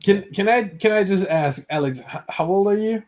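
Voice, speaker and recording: A man's voice: high-pitched, normal speed, a little mellow. A young man in his twenties co-hosting a casual livestream chat, hesitant and stammering, laughing often. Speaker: co-host.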